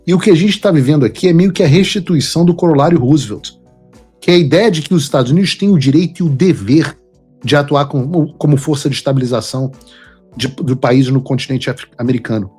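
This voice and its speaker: Husky man giving emphatic political commentary. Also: on the high side, fast, darkish tone, faint music behind. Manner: emphatic, lecturing.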